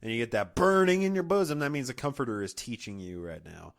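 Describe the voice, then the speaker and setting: Playful giggly man, expressive pitch. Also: fast talker, creaky. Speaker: podcast co-host. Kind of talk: casual comedic chat.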